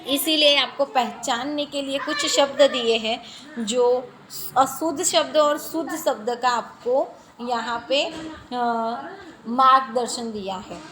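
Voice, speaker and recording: Slow, higher-voiced woman teacher. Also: noisy background. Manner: patient, spells out letters and asks rhetorical questions. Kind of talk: classroom lesson explanation.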